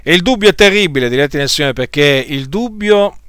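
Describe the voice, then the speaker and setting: A man preaching a sermon to his congregation in a deliberate way, often pausing on hesitation fillers and repeating phrases. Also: fairly high pitch, lively intonation, fairly bright tone, smooth, no echo, studio quality.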